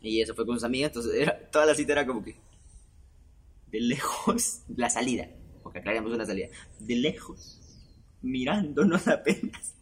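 A man's voice: medium pitch, expressive, a little fast, long pauses, slightly rough. A young man, hosting a podcast and telling a personal story in a chatty, self-mocking way, often laughing between phrases. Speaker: podcast host. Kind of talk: casual storytelling monologue.

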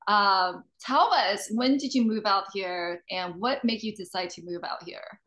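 A woman's voice: mid-range voice, measured pace, fairly bright tone. A woman hosting a casual interview, affectionate and enthusiastic toward her guest. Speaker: host.

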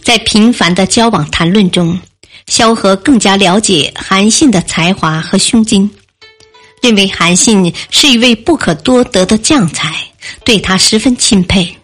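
A woman narrates an old history tale in a measured, unhurried reading style. Her pitch sits in a middle range. Soft music plays faintly behind her. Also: breathy edge. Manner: slow and deliberate. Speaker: storyteller. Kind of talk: scripted narration of a classical history story.

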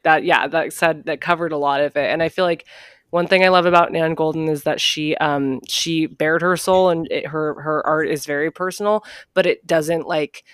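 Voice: mid-range voice, steady tone, normal speed, a bit bright, smooth, no room sound. Casual co-host type, androgynous mid-range voice, effusive and emphatic, slangy, very dry sound. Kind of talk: casual conversational commentary.

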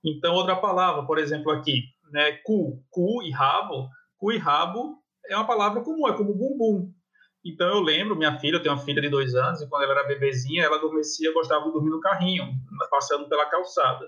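Lively Brazilian man, bright lo-fi voice. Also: a little high, quick pace. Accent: Brazilian Portuguese. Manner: animated storyteller, laughing, acting out quotes. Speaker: guest. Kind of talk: casual podcast chat.

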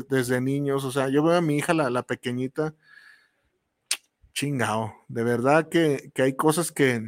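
A man's voice: medium pitch, no echo, clean studio sound. A man with a Mexican accent hosting a podcast, talking in a casual, slangy and rambling monologue and acting out the people he quotes. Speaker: podcast host.

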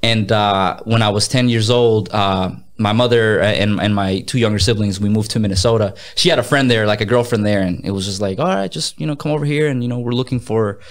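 A man in his thirties from Mexico, a music artist talking as a guest in a casual interview, energetic, repeating words and slipping into Spanish phrases. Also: on the low side, fairly quick, hardly any pauses. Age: 30s.

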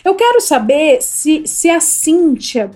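A woman's voice: high voice, big pitch swings, takes it slowly, a little mellow. A woman hosting a podcast, joking playfully and answering her own questions in casual chat. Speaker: podcast host.

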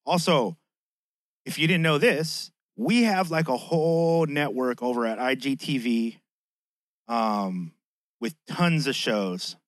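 A man's voice: medium pitch, slow pace, dry recording. A man with a lisp and whistling s sounds hosting a podcast in a casual, slangy, chatty monologue that swears freely. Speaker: podcast host.

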